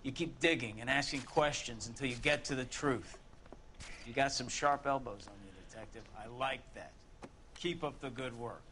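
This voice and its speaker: Man acting a forceful American police captain. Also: mid-range voice, slight background noise, natural voice. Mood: approving. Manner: brisk, authoritative. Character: gruff, brisk middle-aged 1940s police captain. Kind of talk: period crime game acting.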